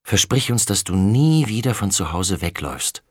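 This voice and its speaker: Ein Mann, der in einem Hörbuch einen erleichterten, sanften Vater spricht, zügig und ernst. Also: male voice, deep voice, big pitch swings, normal speed, husky, no room sound, clean studio sound, full character voice. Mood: earnest. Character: relieved, gentle father.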